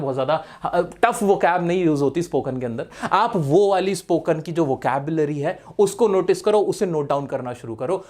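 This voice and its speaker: A young man with an Indian accent teaching spoken English in a casual, direct way, talking straight to his viewers. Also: high-pitched. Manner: chatty, direct, addresses viewers as brother. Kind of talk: casual classroom-style lesson.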